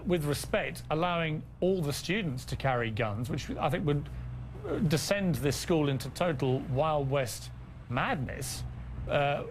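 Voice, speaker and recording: Casting note: male news anchor, a bit high, challenging and pointed, faint hiss behind. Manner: pointed, argumentative questioning. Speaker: news show host. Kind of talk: live TV interview.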